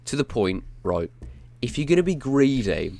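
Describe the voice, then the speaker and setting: A man's voice: mid-range voice, big pitch swings, normal speed, vocal fry, darkish tone. A young man hosting a casual podcast chat, swearing freely and bantering crudely with his co-host.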